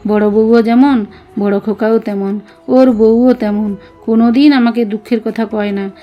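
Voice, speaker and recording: A woman reading the words of an elderly male guru, tender and wistful, in a gentle, confiding way. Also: a little high, fairly even intonation, unhurried, dull audio, soft background music, close to an everyday voice. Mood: rueful.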